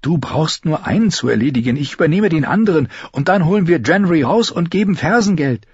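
A man's voice: fairly high pitch, animated, fairly quick, slightly rough, no echo, highs cut off, voice pushed up. A man reading an audiobook, voicing a fierce, stubborn young girl who gives orders sharply. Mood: determined.

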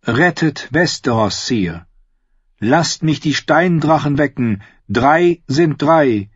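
Priestess figure, fierce and commanding, read by a man, high and breathy, dry booth. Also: animated, slow pace, dry recording, muffled recording, full character voice. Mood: fervent. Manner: raised, fervent, insistent. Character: commanding, fiercely intense female red priestess.

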